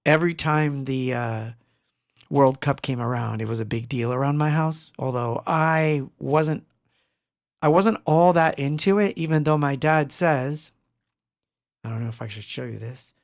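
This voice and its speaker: Here the Argentine host, a middle-aged man, runs a relaxed livestream from his home studio, greeting viewers in the chat by name, wandering off topic and laughing frequently. His fairly high voice is unhurried, and the studio-quality audio has no room sound.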